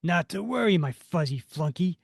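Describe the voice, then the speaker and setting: A man's voice: sits high, expressive, normal speed, creaky, dry recording, studio quality, full character voice. A man doing a gloating asthma monster villain. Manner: grandiose, theatrical villain speech.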